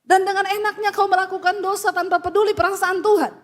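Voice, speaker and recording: Very high-voiced woman pastor preaching bluntly. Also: flat delivery, fast, big-room sound. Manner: blunt, scolding, tells counseling stories. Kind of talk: sermon.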